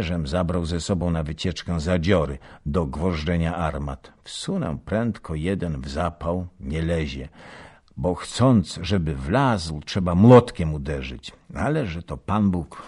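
A man's voice: deep voice, animated, a little slow, a little mellow, husky, exaggerated voice. A man voicing a boastful, hearty archer-nobleman, telling his tale in an emphatic old-fashioned way, in a storybook reading. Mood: proud.

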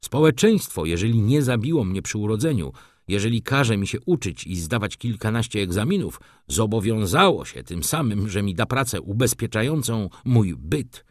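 A man voicing a hot-tempered, indignant young male student who rants and shouts in an audiobook reading. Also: fairly low pitch, big pitch swings, normal speed, no echo, clean studio sound. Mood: ranting. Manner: shouting, ranting, exclaiming.

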